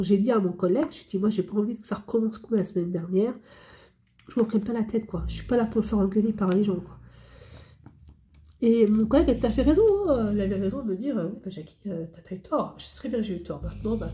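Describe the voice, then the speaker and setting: A woman's voice: medium pitch, dark tone. A woman vlogger chatting candidly and rambling as she answers tag questions, often repeating herself. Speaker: hobby vlogger.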